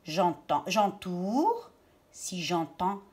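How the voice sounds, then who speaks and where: A woman teaching a reading lesson to young children, stressing and repeating each word slowly and deliberately. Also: lowish voice, big pitch swings, darkish tone.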